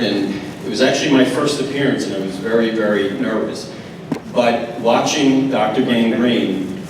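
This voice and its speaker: A man giving an informal, halting and heartfelt tribute speech at an induction ceremony. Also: medium pitch. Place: large echoey event room, far from microphone. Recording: very echoey, distant, very noisy event recording.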